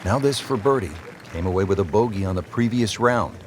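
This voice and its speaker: A man playing a television golf commentator, calling a tournament in a measured announcer's delivery. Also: fairly low pitch, animated, a little hiss or hum, natural voice. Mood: measured, admiring. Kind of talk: golf commentary, scripted game broadcast. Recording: loud crowd and outdoor ambience behind. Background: golf crowd ambience.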